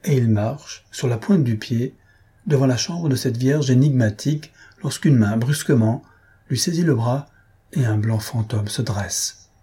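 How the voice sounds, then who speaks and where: A man reading a literary short story aloud as an audiobook narrator, with a measured delivery. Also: mid-range voice, warm tone, husky. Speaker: audiobook reader.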